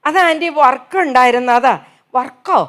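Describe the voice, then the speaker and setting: A woman in her seventies voicing a polite young woman beautician who explains herself quickly. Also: high-pitched, fairly bright tone. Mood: explaining.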